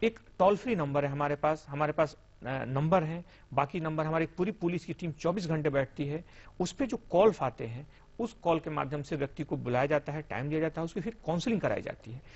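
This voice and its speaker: Husky young man, earnest police officer. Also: fairly high pitch, a little fast, darkish tone. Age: young adult. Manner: earnest, explanatory, formal Hindi with English terms. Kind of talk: TV studio interview. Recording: muffled TV broadcast audio.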